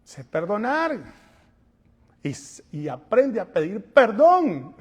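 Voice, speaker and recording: A male pastor preaching a sermon, animated, moving between quiet asides and loud calls, and acting out little scenes. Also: sits high, takes it slowly, slightly rough, big-room sound. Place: church sanctuary.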